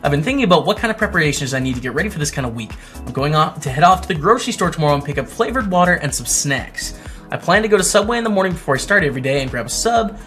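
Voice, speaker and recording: A poker streamer hosts a casual vlog, reading his old blog posts aloud and tossing in wry, chatty asides. His voice is a little high, expressive and fairly bright, and he talks very fast over soft background music.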